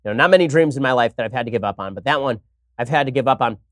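With a medium-pitched, animated delivery, this man hosts a political commentary show full of opinions, jumping quickly from one segment to the next in a dry, sarcastic tone. The recording is dry, with clean studio sound.

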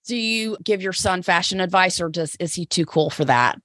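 A woman's voice: fairly low pitch, expressive, normal speed, a bit bright, no room sound, studio quality. A woman hosting an interview, gushing and enthusiastic, firing off several questions at a time. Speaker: host, personal stylist. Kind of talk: casual interview.

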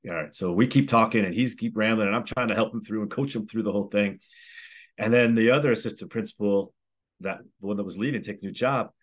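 A man's voice: fairly low pitch, quick pace. A middle-aged man, a former school principal, telling a story in a casual way and acting out the voices of the people in it. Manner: animated retelling with quoted voices, many restarts. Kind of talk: conversational storytelling.

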